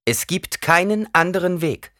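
A man voicing a proud, commanding noblewoman in an audiobook reading, sharp and imperious. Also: sits high, expressive, a little slow, dry recording, studio quality, voice pushed up, exaggerated voice.

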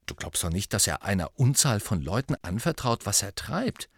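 A man's voice: lowish voice, very animated, normal speed, creaky, breathy edge, no echo, studio quality, heavily acted. A man voicing a clever, earnest teenage girl in an audiobook who explains things carefully. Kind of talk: audiobook character voice.

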